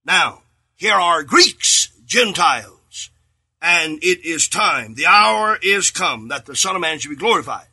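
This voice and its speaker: A man preaching a sermon with fervour, repeating phrases and rising to shouts on key words. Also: on the high side, expressive, a little slow, slightly rough.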